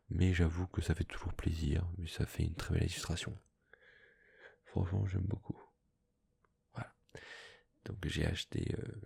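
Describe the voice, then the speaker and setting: A man speaking in a hushed, soft-spoken ASMR manner, slipping into whispers, with a husky, breathy voice, chatting casually as a host. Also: deep voice. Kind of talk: soft-spoken ASMR, casual chat about book purchases.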